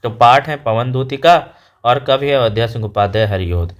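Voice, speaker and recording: A man's voice: mid-range voice, moderate pace. A man teaching a board-exam lesson step by step, addressing students directly.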